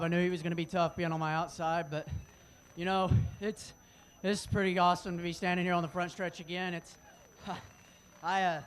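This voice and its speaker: High-voiced male race driver in trackside interview. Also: a bit bright. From Oklahoma, United States. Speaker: race car driver, winner being interviewed. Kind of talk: spontaneous victory lane interview. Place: outdoors on a speedway front stretch. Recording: noisy outdoor trackside sound.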